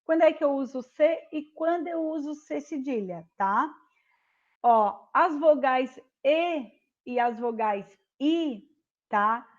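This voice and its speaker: Slow, patient woman teaching children online. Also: high voice, expressive, highs cut off. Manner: slow, patient, repeats and checks with "tá certo?". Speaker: primary school teacher.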